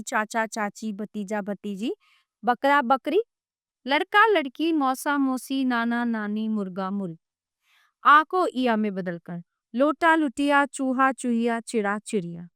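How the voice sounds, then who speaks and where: A woman reading a textbook grammar lesson aloud, slowly listing example words one at a time with clear pauses. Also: fairly high pitch, animated, bright, forceful tone, dry recording, clean studio sound. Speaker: grammar teacher.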